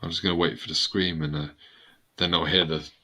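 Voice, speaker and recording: A man's voice: deep voice, fairly even intonation, fairly quick, sharp tone, slight background noise. A man hosting a casual live stream from home, joking around and laughing often. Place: home room near a staircase.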